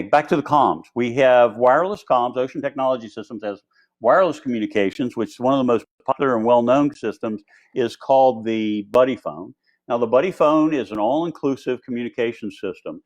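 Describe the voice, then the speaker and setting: A man's voice: mid-range voice, darkish tone, rough recording. A man giving an informal, rambling tutorial as an instructor presenting equipment on live video in a conversational way. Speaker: instructor presenting diving gear.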